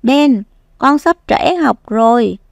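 Woman reading as a gentle, unhurried mother cat to a toddler. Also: fairly high pitch, lively intonation, creaky, no echo, heavily acted. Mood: worried. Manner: gentle, instructive. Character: caring, patient mother cat giving advice. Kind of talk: children's storybook reading to a toddler.

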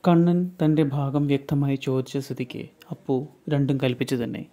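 Man, narrator, serial episode retelling, dramatic storytelling, mellow dark tone. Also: medium pitch, steady tone, brisk.

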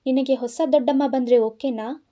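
A resentful, wounded young husband in an audio storybook, played by a woman narrator, cold and cutting. Her tone is dark and mellow, a little high. She barely shifts from her own voice. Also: steady tone, moderate pace, lo-fi sound, close to an everyday voice. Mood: bitter.

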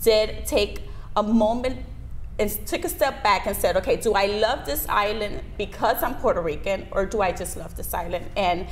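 In a noisy recording from a small indoor video studio, a Miami lawyer sits at a desk answering interview questions conversationally. She talks at a normal speed with a medium-pitched voice, miked with a lapel mic.

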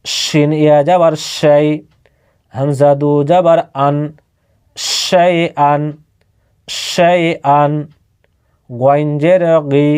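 A man teaching Quran reading, slowly spelling out each syllable and patiently repeating it twice. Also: a little high, steady tone, dark tone, smooth. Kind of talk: slow spelling-out recitation lesson.

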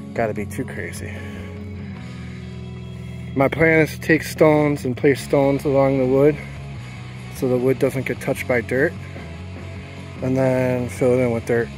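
Filming himself in the woods and at a marina, a middle-aged off-grid homesteader and sailor talks plainly and casually, working through his tasks out loud in vlog narration. His voice is mid-range, recorded at low quality with music underneath.

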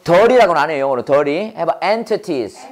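Korean-accented lady teaching english at church, low voice, makes you repeat every word, then rattles off fast explanations. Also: lively intonation, a little mellow. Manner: drills words by repetition, prompting the class to repeat; switches fast between slow English and rapid Korean explanation. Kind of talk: call-and-response English drill with preaching.

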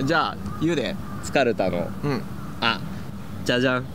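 A man's voice: medium pitch, lively intonation, a little fast, background noise. A man with a Tosa accent bantering playfully on a radio show. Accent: Tosa dialect of Kochi. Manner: playful, laughing. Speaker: radio host. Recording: music bed under the talk.

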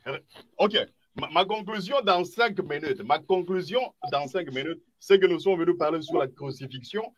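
An agitated man with a fairly high voice speaks in a heated debate over a video call. He stammers and repeats syllables as he pushes back. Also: moderate pace.

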